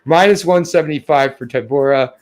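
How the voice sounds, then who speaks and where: Here a young adult man co-hosting a podcast speaks a little high and a little fast, with a darkish tone. His casual chat is profane and self-deprecating, and he gets flustered.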